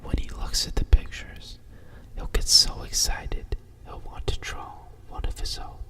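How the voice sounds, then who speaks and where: Softly and soothingly, a storyteller whispers a bedtime picture book right in the listener's ear, taking an unhurried ASMR approach and adding asides along the way. The mic sounds distant.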